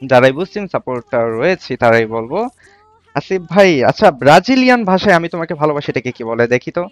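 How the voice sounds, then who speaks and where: A man hosting a casual live stream, chatting with viewers and reading their comments out as he quizzes them. His voice is smooth and clear, a little higher than most men's. The sound is dry and close, with no room echo. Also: big pitch swings, fairly quick. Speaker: livestream host.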